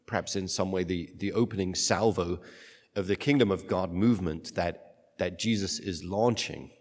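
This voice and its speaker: Priest, male, very low voice, halting homily, long reverb of a big church. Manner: halting, searching delivery full of restarts. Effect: long churchlike echo. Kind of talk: gospel reading and homily.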